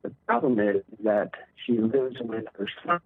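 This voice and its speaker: Husky-voiced male caller on a breaking-up phone line. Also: fairly low pitch, animated, moderate pace, no room sound. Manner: hesitant, many um fillers. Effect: phone line breaking up and cutting out. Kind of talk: call-in radio question.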